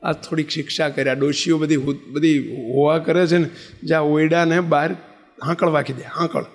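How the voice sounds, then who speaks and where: Patient revered master, voiced by a male preacher, gentle orders, slightly high voice. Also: moderate pace. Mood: coaxing. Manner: calm, coaxing requests. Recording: long hall reverb.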